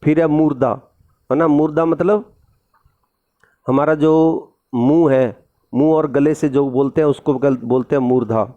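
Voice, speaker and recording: A man's voice: on the high side, fairly even intonation, measured pace, phone-quality sound. A man teaching a recorded Hindi grammar lesson, reading a textbook line and then explaining it in plain everyday words, with a Rajasthani Hindi accent.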